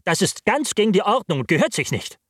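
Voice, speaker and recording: A man's voice: high voice, sing-song, fast talker, a bit bright, slightly rough, dry recording, studio quality, voice pushed up, heavily acted. A man voicing a stern, proper middle-aged male lawyer who speaks in a reproachful, formal tone.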